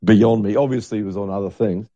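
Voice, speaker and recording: Rambling older man, dark voice. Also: fairly low pitch, no room sound, highs cut off. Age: 60s. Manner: rambling, halting, searching for names. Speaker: podcast co-host. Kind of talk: casual chat.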